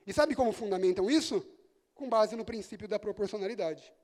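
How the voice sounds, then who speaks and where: A man with a Brazilian Portuguese accent giving a lively conference lecture on law, firing rhetorical questions at the audience and telling jokey stories. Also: high-pitched, brisk.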